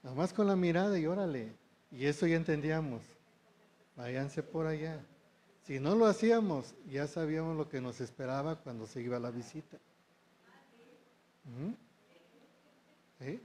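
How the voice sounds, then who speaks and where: A man's voice: fairly high pitch, normal speed, pauses often, mellow. A man preaching a sermon, often checking in with the congregation through short rhetorical questions.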